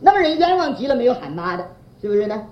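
Animated woman preacher in a roomy, lo-fi recording. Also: a little high, very fast. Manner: poses fill-in questions to the congregation; chuckles while telling anecdotes. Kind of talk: sermon.

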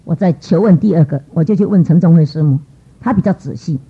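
A middle-aged woman telling a lively church testimony, acting out what people said in changing voices. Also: fast talker, breathy edge. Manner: lively, acts out quoted voices with pitch jumps. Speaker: church speaker giving testimony. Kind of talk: storytelling testimony talk. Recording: dull lo-fi recording.

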